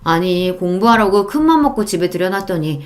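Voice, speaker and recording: A woman's voice: fairly low pitch, lively intonation, a little fast. A woman narrating a first-person audiobook story in an indignant, emphatic tone.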